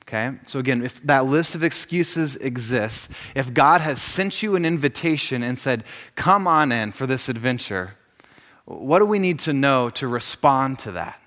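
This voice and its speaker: A man in his thirties giving an informal faith talk, telling stories with jokes and quick asides. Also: mid-range voice, animated, a bit bright, long reverb tail. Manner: joking, storytelling, lots of asides. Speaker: speaker at a faith gathering.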